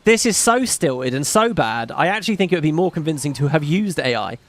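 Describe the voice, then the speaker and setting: Reading donations on his livestream, a gaming host rambles, curses and jokes at his own expense in a slight British accent. The voice is fairly high, animated, fairly quick and fairly bright in tone.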